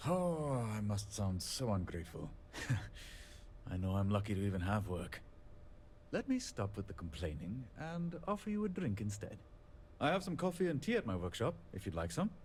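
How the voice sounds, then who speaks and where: A man's voice: on the low side, big pitch swings, darkish tone, slight background noise. A fretful handyman. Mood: apologetic. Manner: rambling, self-deprecating, quick to apologize. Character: fretful, apologetic male colony handyman. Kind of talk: video game dialogue.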